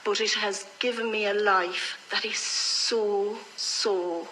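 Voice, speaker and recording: A woman's voice: medium pitch, fairly even intonation, takes it slowly, pushed and bright, slight background noise, low-quality recording. A middle-aged woman with an Irish accent, telling her own story frankly and reflectively as an interview guest. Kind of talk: candid personal storytelling in conversation.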